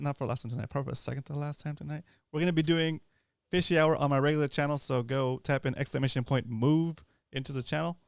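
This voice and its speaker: A man's voice: mid-range voice, creaky, dry recording, studio quality. A man hosting a live fishing talk show, laid-back with short reactions and channel announcements. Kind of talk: casual live-stream chat.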